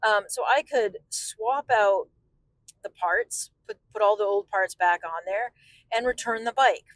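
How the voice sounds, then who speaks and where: A woman delivers a casual vlog rant in a medium-pitched voice. She gripes in an exasperated, sarcastic way, and the sound is close and dry with very little room. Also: a little slow, dry recording. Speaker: vlogger. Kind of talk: casual spoken rant about a consumer complaint.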